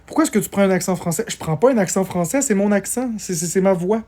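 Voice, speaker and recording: A man's voice: high-pitched, fast talker, dark tone. A man, tired, chatting casually on a live stream as he answers viewer comments and thanks people for gifts.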